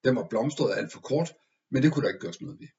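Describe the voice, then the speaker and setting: Guy reading a story out loud, expressive and steady, mid-pitched, kinda dull lo-fi audio. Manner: measured, expressive first-person storytelling. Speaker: audiobook narrator. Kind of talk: scripted story narration.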